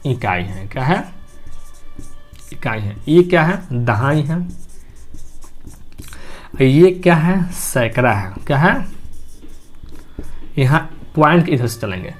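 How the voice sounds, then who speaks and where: A man's voice: mid-range voice, big pitch swings, takes it slowly, pauses often, faint music behind. A man teaching a maths class, explaining step by step and asking and answering his own questions. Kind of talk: classroom lesson.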